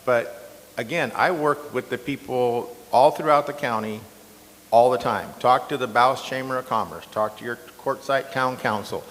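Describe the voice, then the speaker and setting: Here a sitting county supervisor fields a debate question with a powerful, loud voice pitched in the middle range and slightly rough. His tone is defensive but conversational, full of fillers, while the hall's lengthy reverb hangs around every word.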